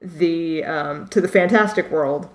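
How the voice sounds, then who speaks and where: A woman's voice: low voice, unhurried, low-quality recording. A woman co-hosting a casual discussion of literature, talking off the cuff. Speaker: podcast co-host.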